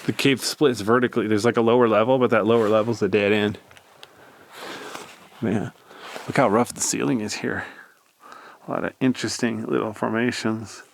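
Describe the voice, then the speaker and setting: A man's voice: fairly low pitch, steady tone, moderate pace, pauses often. A man giving a casual, rambling tour commentary in a laid-back manner, filming himself exploring inside a cave. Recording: clear background noise, handheld cave recording.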